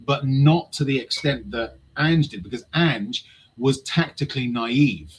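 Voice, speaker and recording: A man's voice: medium pitch, unhurried, a little hiss or hum, poor audio. A man talking football tactics in casual chat, passionate and swearing freely.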